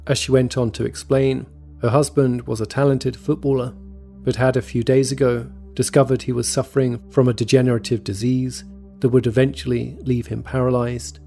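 Man, gravelly voice, scripted true-story narration, measured delivery, soft music underneath. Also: medium pitch, level tone. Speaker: podcast narrator. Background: faint background music.

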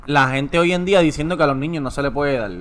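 Young man, higher voice, emphatic swearing podcast rant. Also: fast talker, a loud crowd. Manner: animated, emphatic, swears a lot. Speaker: podcast co-host. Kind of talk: casual chat.

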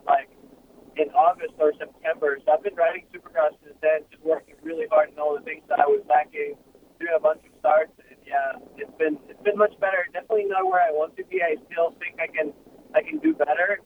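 Brief: young male guest, raised pitch, lively and easygoing, tinny phone line. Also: a little hiss or hum. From Ecuador. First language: Spanish. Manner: lively, easygoing, many fillers. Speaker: racing guest. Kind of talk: casual phone interview.

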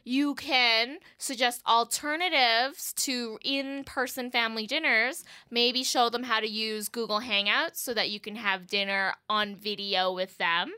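A young woman co-hosting a podcast, giving advice in a giggly, gently reasoning way. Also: a little high, fairly even intonation, unhurried, few pauses, clean tone. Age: young adult. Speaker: podcast co-host. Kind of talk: casual advice chat.

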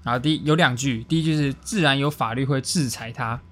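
A man's voice: medium pitch, a little fast, a bit bright. A man hosting a casual movie-quote quiz with friends, reading out lines and confirming answers. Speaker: quiz host.

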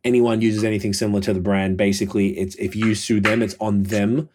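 A male podcast host with a fairly low voice. He talks in loose, casual slang and swears freely as he chats. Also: flat delivery, brisk, background noise. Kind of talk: casual profane podcast chat.

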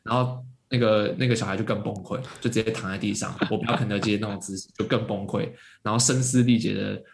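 He's a podcast guest with a voice on the low side, a steady tone, vocal fry, and a fast delivery. His casual storytelling is packed with fillers and restarts, and he imitates his parents whenever he quotes them.

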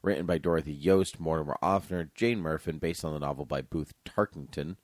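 Very deep-voiced man giving blunt movie opinions. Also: brisk, no room sound, studio quality. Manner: blunt, joking, hesitant restarts. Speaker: podcast co-host. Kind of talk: casual chat about old movies.

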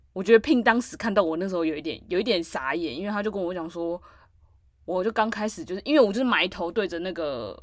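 A woman's voice: on the low side, dry recording. Podcast co-host, woman, dry close sound, loose rambling storyteller. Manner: rambling storytelling with many fillers. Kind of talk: casual chat.

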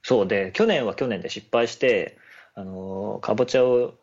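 A man's voice: fairly low pitch, moderate pace. A man chatting casually and politely on a podcast, often laughing. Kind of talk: casual chat. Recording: dull lo-fi audio.

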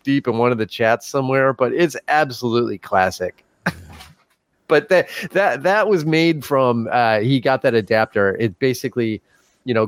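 A man's voice: mid-range voice, no echo. Chatty male podcast host, dry sound. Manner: chatty storyteller, laughs often, many fillers. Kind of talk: casual chat.

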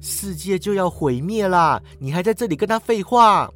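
A man's voice: sits high, expressive, normal speed, fairly bright tone, slight background noise, pitched above the performer's own voice. A man reading a story aloud, voicing a blunt, impatient young woman companion. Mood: alarmed.

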